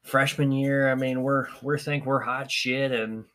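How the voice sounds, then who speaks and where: A man's voice: mid-range voice, a little slow. A young man hosting a podcast, telling stories in casual chat with frequent laughs. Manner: animated, laughing storyteller. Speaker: podcast host.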